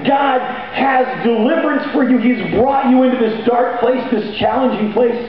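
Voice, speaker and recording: A middle-aged man preaching a sermon on stage with a handheld mic, energetic and sometimes shouting as he paces. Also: very high-pitched, moderate pace, music in the background. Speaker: pastor. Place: large hall stage with band gear, seen from far off. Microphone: handheld mic, far camera. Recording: echoey hall from far off, dull audio, faint noise.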